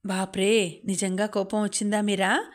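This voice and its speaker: This is a playful, talkative young woman who likes to tease her friend, voiced by a female audiobook reader. She chats lightly in an even, level voice with a middling pitch. It is read as one character in a narrated story. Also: moderate pace, natural voice. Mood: teasing. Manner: playful, chatty.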